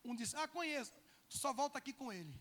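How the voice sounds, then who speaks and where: A male pastor, telling a personal testimony in a sermon, moving between loud bursts and hushed lines. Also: extremely high pitch, lively intonation, quick pace, in a large hall. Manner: emotional storytelling, swinging from loud to hushed.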